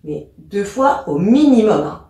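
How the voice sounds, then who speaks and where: Woman teacher, patient step-by-step explanations, mid-pitched, very echoey room. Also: sing-song, measured pace, dark tone, recorded from a distance. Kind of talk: explanatory lesson.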